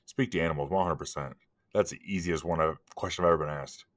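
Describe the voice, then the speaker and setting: A man in his thirties co-hosting a podcast, laid-back and joking, with deadpan quips. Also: very deep voice, fast, dry recording, clean studio sound. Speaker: podcast co-host. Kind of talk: casual chat.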